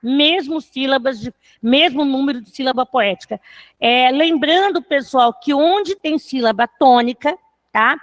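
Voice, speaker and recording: Woman, high-pitched, patient online literature teacher who checks in with students after most phrases. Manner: counts syllables aloud slowly. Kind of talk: online class lecture.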